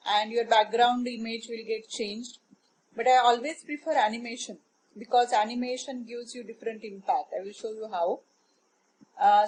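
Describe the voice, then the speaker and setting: A middle-aged woman gives a screen-share tutorial for teachers. Her voice sits a little high and carries a husky, breathy edge. She explains each feature patiently, pausing often on "uh" as she clicks through. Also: a little mellow, low-quality recording. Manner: patient, explanatory, frequent "uh" pauses. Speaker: teacher trainer.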